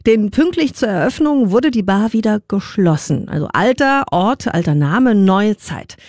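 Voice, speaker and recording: Lively female radio presenter. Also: mid-range voice, unhurried, dry recording, clean studio sound.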